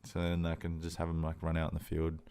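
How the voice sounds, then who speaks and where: A man's voice: rumbling low, completely flat delivery, quick pace, warm tone, clean tone. A young Australian man in his twenties chatting casually on a podcast, rambling with lots of fillers and swearing. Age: 20s. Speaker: podcast co-host, rugby league player. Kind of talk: casual chat.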